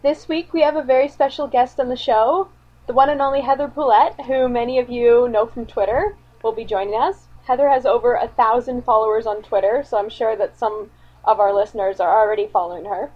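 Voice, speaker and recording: A woman's voice: fairly high pitch, fairly even intonation, fairly quick. A young woman hosting a casual fan podcast, chatty with lots of filler words. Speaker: podcast host. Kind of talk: casual chat. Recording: dull lo-fi sound.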